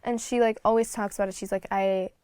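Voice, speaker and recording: A woman's voice: medium pitch, fairly even intonation, quick pace, warm tone, clear, resonant tone, no room sound. A Slovak woman in her twenties, a singer chatting as a guest in an interview, blunt and talkative with lots of fillers. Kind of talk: casual interview chat.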